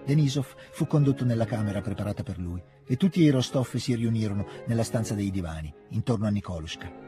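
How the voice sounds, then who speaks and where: A man narrating a classic novel in an audiobook, with a steady, expressive reading into a close studio mic. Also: lowish voice, fast, over music. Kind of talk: scripted literary narration.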